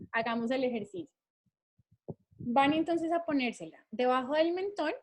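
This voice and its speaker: A woman, teaching an English class in a patient way and checking with her students often. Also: a little high. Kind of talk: online class explaining syllable counting.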